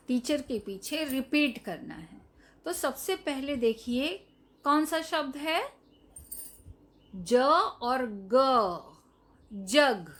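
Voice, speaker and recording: A woman teaching Hindi to young children in a recorded lesson, saying each word slowly, repeating it and explaining what it means. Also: sits high. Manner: slow, drawn-out, repeats each word and its meaning; addresses the children directly, asking them to say the word. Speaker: primary school Hindi teacher.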